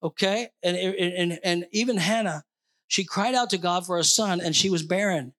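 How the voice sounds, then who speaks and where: A man with a high-pitched voice preaches a sermon as pastor. He keeps throwing questions to the congregation and slips in wry jokes, then climbs to ringing, near-shouted emphasis. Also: moderate pace. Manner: call-and-response questions to the congregation; joking asides.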